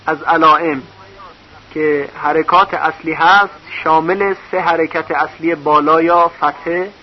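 A man's voice: fairly high pitch, slightly rough. A man teaching a recorded lesson on reading vowel marks, patiently spelling out syllables one by one. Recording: dull lo-fi recording.

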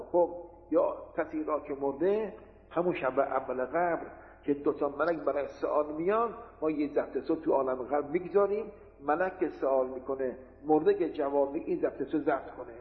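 A man giving a religious lecture, explaining with rhetorical questions and everyday examples. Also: on the high side. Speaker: preacher. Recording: tinny lo-fi recording in an echoey hall.

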